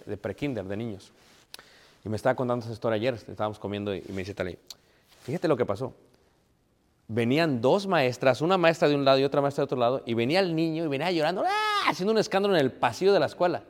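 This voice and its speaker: Bilingual preacher man in a reverberant hall. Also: mid-range voice. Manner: preachy, addresses congregation as brothers, mixes English phrases. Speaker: pastor. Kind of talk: sermon. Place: church.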